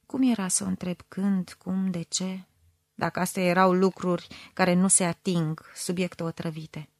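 A woman reading a novel aloud in the first person, measured and expressive, dropping at times to a whisper. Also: fairly low pitch, no room sound. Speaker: audiobook reader. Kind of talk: first-person literary audiobook narration.

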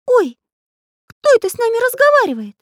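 A woman voicing a cheeky, excitable magic pencil artist in a children's audiobook, in a shrill, excited manner. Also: brisk, no room sound, studio quality. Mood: startled.

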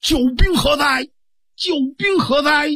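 A storyteller voicing a rowdy, boastful young man who taunts his sister in a pitched-up voice. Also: big pitch swings, fairly quick, slightly rough, no room sound, clean studio sound. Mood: taunting. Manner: taunting, cocky shouting.

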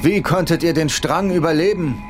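A man's voice: on the high side, moderate pace, natural voice. Man acting a proud warlike medieval king, music behind. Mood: proud, challenging. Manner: grandiose, commanding, archaic courtly speech. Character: proud warlike medieval English king, glory-hungry, imperious. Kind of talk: audio drama acting.

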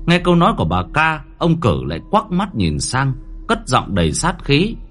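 A man narrating a horror story in a dramatic manner, slowing down at tense moments. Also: a little high, huge pitch swings, a bit bright, soft background music.

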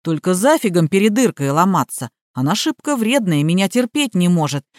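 A woman's voice: fairly low pitch, very animated, moderate pace, darkish tone, no room sound, studio quality. A woman voicing a stubborn, simple-minded village gardener who grumbles in blunt rustic speech. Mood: grumbling.

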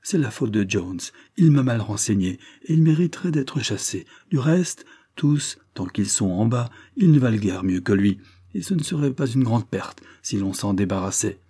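A man voicing a scheming, spiteful middle-aged housekeeper who pleads with false humility, a bit higher than his own low, husky voice. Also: animated, normal speed, mellow. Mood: wheedling. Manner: fawning, then triumphant.

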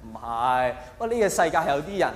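This stand-up comedian, a man with a Hong Kong Cantonese accent, speaks fast in a fairly high voice with big swings in pitch. His colloquial monologue is packed with exaggeration and rhetorical questions, recorded in an echoey hall with faint background noise.

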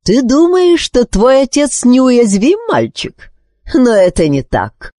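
A woman's voice: huge pitch swings, unhurried, a little mellow, slightly rough, dry recording, studio quality, full character voice. A woman voicing a proud, cunning, hot-tempered queen who talks in an imperious tone. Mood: scornful. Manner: imperious, shrill when angered.

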